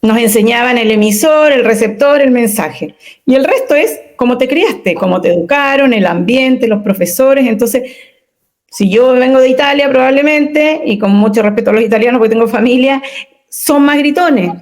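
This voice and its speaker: Woman, communication consultant, interview guest; expressive and emphatic, slightly high-pitched. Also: moderate pace. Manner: expressive, emphatic, rhetorical questions. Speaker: communication consultant and workshop leader. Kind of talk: interview conversation.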